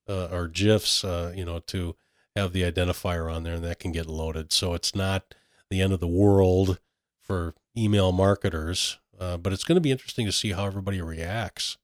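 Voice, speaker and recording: A man's voice: low voice, dry recording, clean studio sound. A man hosting a casual tech podcast, talking in a chatty way with frequent fillers and restarts. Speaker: podcast host.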